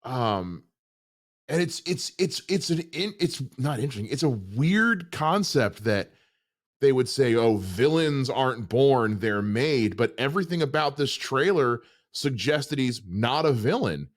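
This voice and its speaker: A man hosting a trailer reaction show, ranting in exasperated, animated commentary. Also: medium pitch, measured pace. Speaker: host.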